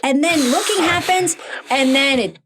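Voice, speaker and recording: A middle-aged woman hosting a podcast in casual chat, animated and teasing, laughing often. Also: sits high, moderate pace, dry recording. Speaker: podcast host.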